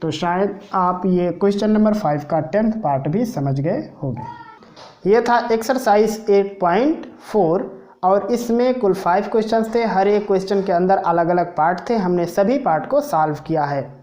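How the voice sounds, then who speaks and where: A woman's voice: mid-range voice, moderate pace, dark tone. A woman teaching a math lesson, patiently talking through each step of a proof aloud. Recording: dull lo-fi recording.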